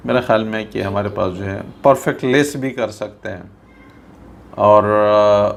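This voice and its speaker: A man's voice: lowish voice, vocal fry. A man from Pakistan teaching an English lesson, explaining patiently and reading textbook lines aloud in English. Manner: patient, repetitive explaining, often checks with "theek hai"; reads English textbook lines slowly, mixing them into his explanations. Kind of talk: recorded classroom lesson.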